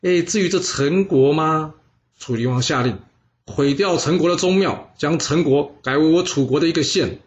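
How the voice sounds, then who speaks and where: A man's voice: fairly high pitch, moderate pace, lo-fi sound, pitched above the performer's own voice, lightly acted. A man doing a smug ancient king. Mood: calculating. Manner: offhand, self-satisfied. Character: smug, calculating ancient king, male adult.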